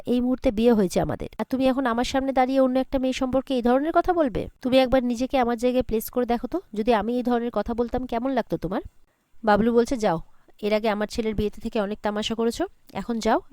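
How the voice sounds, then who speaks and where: Woman, serial recap narrator, rapid delivery, slightly high voice, dry close mic, narration and dialogue run together. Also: a little mellow, no room sound. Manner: brisk storytelling that runs narration and quoted dialogue together in one voice. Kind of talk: fast retelling of a TV serial episode, reading out every character's lines.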